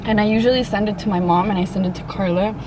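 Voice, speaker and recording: A woman chatting casually and haltingly to viewers in slangy, informal speech while eating, sometimes with her mouth full. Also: mid-range voice, fairly even intonation. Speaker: mukbang vlogger. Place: open-top Jeep outdoors. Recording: clear car and outdoor ambient noise.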